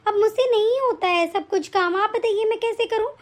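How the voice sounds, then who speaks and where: Woman doing a cruel daughter-in-law, nagging, sharp, scolding, very high voice, animated story. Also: brisk. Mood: complaining.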